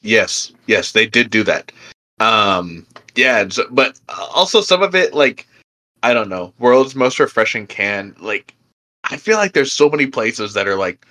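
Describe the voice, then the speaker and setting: A man's voice: fairly low pitch, expressive, a little slow, sharp tone. A young man co-hosting a beer podcast, chatting casually with lots of fillers and easy laughter. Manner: rambling, filler-heavy, laughs easily. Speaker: podcast co-host. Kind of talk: casual chat.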